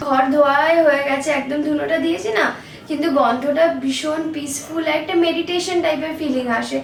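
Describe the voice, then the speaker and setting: A woman's voice: high-pitched, fairly even intonation, brisk, vocal fry, reverberant. A young woman from Kolkata with a Kolkata Bengali accent, chatting casually to camera in a family vlog, mixing English words into her Bengali. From Kolkata, India. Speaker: vlogger. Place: home rooms and a restaurant.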